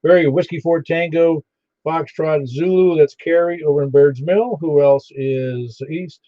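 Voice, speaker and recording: A man working as a ham radio net controller, halting and easygoing as he takes an informal roll call. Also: on the high side, dry recording. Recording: dull band-limited ham radio audio.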